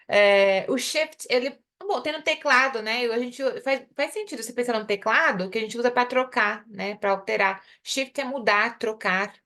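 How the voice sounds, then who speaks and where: A woman's voice: on the high side, pushed and bright. Brazilian woman teaching English live. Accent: Brazilian Portuguese. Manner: explains in Portuguese, drilling English example phrases slowly. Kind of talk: live online English lesson.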